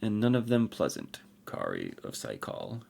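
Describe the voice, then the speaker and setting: Weary old god-emperor, guy voicing him formal and slow, rich gravelly tone. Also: on the low side, huge pitch swings, a little mellow, a little hiss or hum, voice pushed up, full character voice. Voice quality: rich voice with an unfamiliar accent. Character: ancient armored warrior emperor, solemn and weary.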